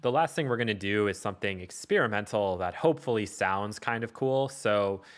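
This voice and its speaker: Over a screen recording, a man talks through a casual music production tutorial, musing aloud as he shows his steps. He speaks briskly in a fairly low voice, while electronic music and loops play behind him.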